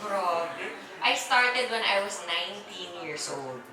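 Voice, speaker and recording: In her forties and speaking with a Filipino accent, a woman leads a live product presentation, playfully chatting and keeping listeners answering her questions. Her mid-range voice is expressive and unhurried, with a crowd audible behind her. She sounds far away in an echoey hall with faint ambience.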